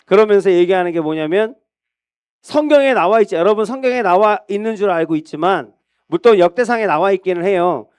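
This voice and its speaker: A man's voice: high-pitched, brisk, darkish tone, clean tone, no room sound. A male pastor preaching a sermon, retelling a scripture story in a conversational storytelling manner.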